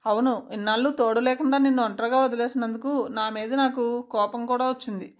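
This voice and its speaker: A woman's voice: on the high side, fairly even intonation, fairly quick, lightly acted. A woman voicing a sleazy middle-aged male neighbour who talks in a smug, taunting way in a storybook reading. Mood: leering.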